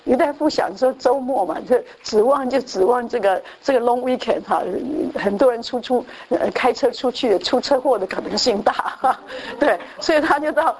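Woman preacher, kinda high voice, tells a long story, repeats herself a lot, does the voices of people she quotes. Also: moderate pace, hardly any pauses, a little hiss or hum. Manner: storytelling with repetitions and restarts; acts out quoted voices, mixing in English phrases. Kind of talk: sermon testimony.

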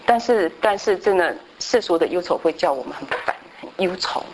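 A middle-aged woman teaching a Bible class, telling a personal story in an animated way, mixing in English words. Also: on the low side, fairly quick, a little hiss or hum, poor audio.

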